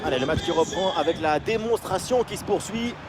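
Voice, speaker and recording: An actor playing an excitable male football play-by-play commentator, giving excited sports commentary in an exclamatory way. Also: on the high side, brisk, over a noisy crowd, heavy background noise, natural voice. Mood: eager, focused. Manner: exclamatory, voice leaping up on goals.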